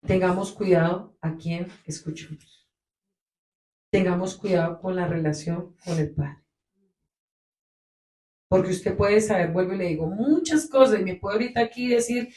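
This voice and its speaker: A woman preaching a sermon to her congregation. She talks with emphasis, swelling and dropping her loudness to stress her points. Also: lowish voice. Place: congregation meeting room. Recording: echoey room.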